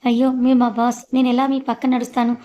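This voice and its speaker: A woman's voice: fairly high pitch, monotone, fast, mellow, muffled recording, natural voice. A woman voicing a playful young man who teases his boss in an audiobook story. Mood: teasing. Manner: cheeky and teasing.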